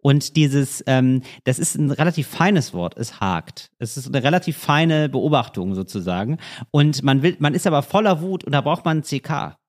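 Playful, higher-voiced man podcast co-host. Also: expressive, moderate pace. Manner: playful, musing, rambling theories. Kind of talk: casual chat.

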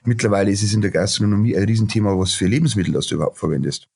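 A man's voice: lowish voice, racing, creaky, darkish tone, husky. A middle-aged man, a chef and restaurateur ranting bluntly in a casual podcast interview, full of fillers and restarts. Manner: blunt, ranting, lots of filler sounds and repeated starts.

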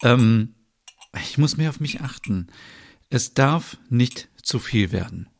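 A man's voice: medium pitch, expressive, slow, gravelly. A man voicing a chatty, self-absorbed mother in a comedy audio sketch, who talks to herself dramatically and giggles.

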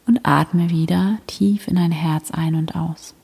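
Slow, whispery, very breathy woman guiding meditation. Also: fairly low pitch, fairly even intonation. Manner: gentle, soothing, slow. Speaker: meditation and prayer guide. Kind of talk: guided prayer meditation in a soft whisper.

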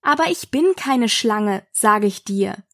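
A woman's voice: mid-range voice, lively intonation, slow pace. A woman voicing an earnest, bewildered little girl in a storybook reading, protesting and earnest.

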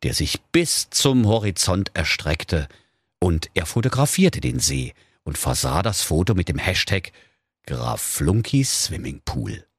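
A man reading a comic fairy tale aloud with a slow, deadpan delivery. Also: deep voice, no room sound, clean studio sound. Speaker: storyteller.

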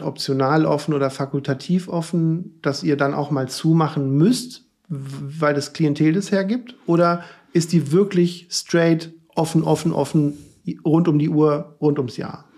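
Chatty podcast host, a man with a higher voice. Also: fairly even intonation, unhurried, darkish tone. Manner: chatty, rambling questions with restarts. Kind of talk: conversational interview.

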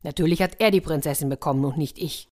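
A woman's voice: deep voice, quick pace, darkish tone. A woman voicing a weary young prince who grumbles and mutters his complaints in a children's story reading. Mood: grumbling.

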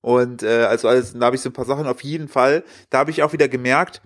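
A man's voice: mid-range voice, steady tone, fast. A man in his twenties co-hosting a casual chat, telling stories in a rambling, slangy way with many fillers. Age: 20s. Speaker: podcast co-host.

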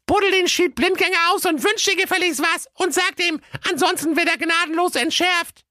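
A man putting on a shrill falsetto greedy wife, bossy, scolding, piercing and bright, comic audio fairy tale, dry close mic. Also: moderate pace, no room sound, exaggerated voice. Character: greedy lazy demanding wife, middle-aged woman.

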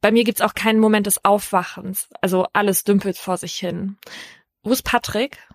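A woman hosting a true crime podcast, telling a case in a measured, scripted first-person narration. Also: medium pitch, flat delivery, no room sound.

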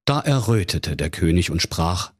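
A man's voice: low voice, very animated, moderate pace, husky. A man narrating a comic fairy tale for children in a playful, mock-solemn storyteller's manner.

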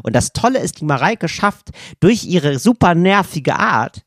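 A man's voice: high-pitched, measured pace, dry recording, clean studio sound. A man co-hosting a comedy podcast, rambling through improvised bits and jumping into voices. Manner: rambling, animated, slips into voices. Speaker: podcast co-host.

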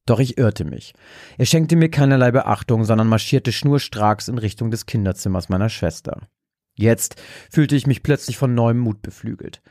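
A man narrating a dark horror story in a slow, measured way. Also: medium pitch, no room sound, studio quality. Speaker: podcast host and story narrator.

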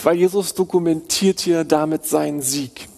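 A male preacher with a fairly high, gravelly voice delivers a sermon, hammering home short repeated phrases and shifting between hushed and urgent tones. His voice rings out with a long reverb, as in a church hall. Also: fairly even intonation, moderate pace.

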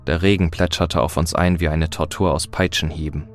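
A man with a very low voice narrates a scripted horror story in a steady, dramatic reading. Quiet music runs softly behind his voice. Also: moderate pace.

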